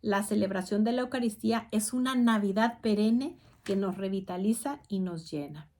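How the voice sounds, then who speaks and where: A woman's voice: medium pitch, moderate pace, a little mellow. Woman reading devotional doctrine aloud. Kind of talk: religious talk show.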